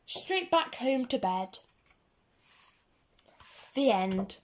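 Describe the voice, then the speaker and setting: This is a storybook read-aloud by a woman who reads children's picture books. Her voice sits on the high side with big pitch swings, and she goes very slowly, chanting the rhymes in a rhythmic, singsong way.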